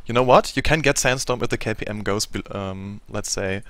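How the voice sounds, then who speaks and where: A man's voice: fairly low pitch, brisk, a bit bright. A sleepy German-accented man casting games, chatting casually and rambling on a live stream. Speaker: esports caster.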